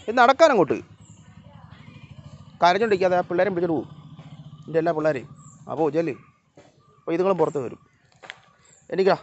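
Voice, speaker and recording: A man's voice: a little high, slight background noise. Man chatting and calling his pets outdoors. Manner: calls and scolds animals in raised voice, chats softly to viewers. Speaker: vlogger. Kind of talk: casual vlog narration to camera while feeding pets. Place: outdoors around a rural house yard. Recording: slightly dull lo-fi phone audio.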